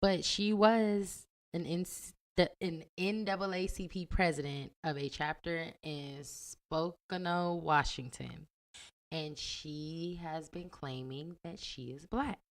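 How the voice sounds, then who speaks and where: A woman's voice: on the low side, fairly even intonation, slow. A woman co-hosting a casual podcast, talking emphatically and with sass, often calling listeners "y'all". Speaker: podcast co-host.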